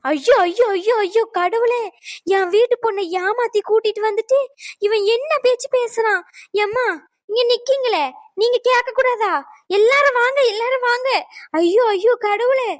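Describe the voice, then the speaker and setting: A woman's voice: high voice, moderate pace, no echo, natural voice. A woman voicing a scolding, insulting middle-aged aunt in a cartoon drama. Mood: wailing. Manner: insulting, shouting, wailing.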